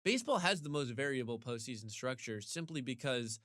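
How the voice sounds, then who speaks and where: A man co-hosting a casual sports podcast, ranting animatedly with big jumps in pitch, his voice getting a little hoarse. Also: animated, a little fast, a bit bright, no echo, studio quality. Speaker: podcast co-host.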